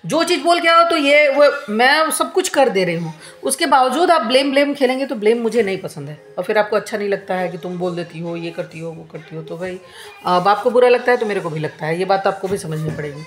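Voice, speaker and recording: A woman's voice: mid-range voice, expressive, brisk, reverberant. A woman in her thirties venting to camera at home, complaining in an aggrieved, repetitive way. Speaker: vlogger.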